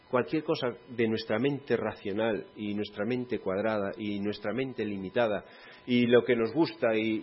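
Casual male preacher, talks it through like a chat, bit husky, dull recording. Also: medium pitch. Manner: conversational, acts out quoted dialogue. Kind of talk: informal sermon.

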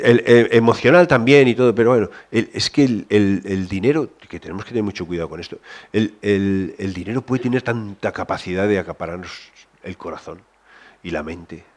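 Conversational preacher, soft then rising. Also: male voice, lowish voice. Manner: conversational, many restarts, shifts between soft and raised. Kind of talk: sermon.

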